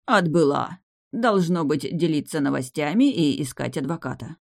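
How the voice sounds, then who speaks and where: A narrator voicing an old-school butler who speaks in a deferential, formal and measured way. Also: medium pitch, animated, gravelly. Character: old-school male butler, proper and discreet.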